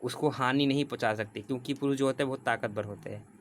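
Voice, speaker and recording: A man of ordinary pitch teaches a vocabulary lesson, going over each point several times. He reads the English definitions out slowly, one word at a time. A faint noise runs under the recording. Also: fairly even intonation. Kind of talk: exam prep vocabulary lesson.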